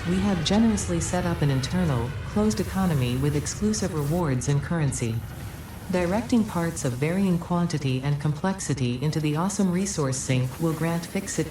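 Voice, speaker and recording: A woman's voice: deep voice, background noise. A woman voicing a cheerful corporate female AI assistant in a game, delivering upbeat scripted announcements. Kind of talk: game voice line. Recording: echoey, distant game audio.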